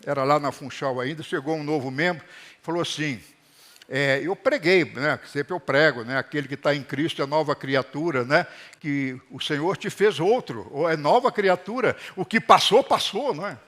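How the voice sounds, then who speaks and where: A middle-aged man preaching a sermon to his congregation in a church hall, animated and calling for responses. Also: on the high side, normal speed. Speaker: pastor.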